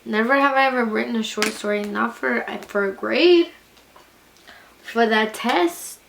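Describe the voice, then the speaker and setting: A woman's voice: a little high, measured pace, gravelly, fairly bright tone, a little hiss or hum. A young woman vlogger chatting casually to camera in a giggly, tipsy ramble, blunt and full of swearing and slang. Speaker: beauty vlogger.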